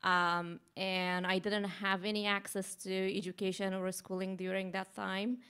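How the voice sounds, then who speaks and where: A young woman from Afghanistan speaking at a podium microphone in a large conference hall, with many pauses and restarts. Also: mid-range voice, level tone, bright, forceful tone, clean tone. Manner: hesitant, many ums and restarts. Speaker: advocacy manager. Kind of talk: conference speech.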